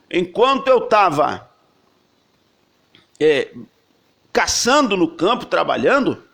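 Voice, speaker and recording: A man's voice: extremely high pitch, a bit bright, voice pushed up, exaggerated voice. A man voicing a bitter, cheated older brother who talks in a raised, accusing, aggrieved way.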